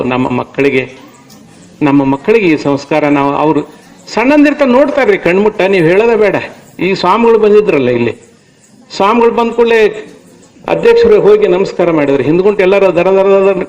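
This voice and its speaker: A man with a North Karnataka accent preaches to a village gathering in a high, ringing voice. He is emphatic and throws rhetorical question after question at the listeners. His tone is that of a devotional discourse. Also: lively intonation, normal speed, darkish tone, rough recording. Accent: North Karnataka Kannada. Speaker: religious discourse speaker. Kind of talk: devotional sermon to a village audience.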